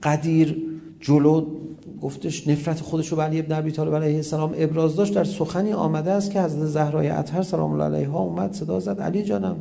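A man preaching a religious sermon, animated, rising to emphatic calls and then dropping low. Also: vocal fry.

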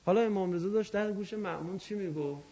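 A male preacher telling a devotional story in an emotional, drawn-out sermon style. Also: high voice, warm tone, slightly rough. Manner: emotional, drawn-out dramatic narration. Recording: dull lo-fi recording.

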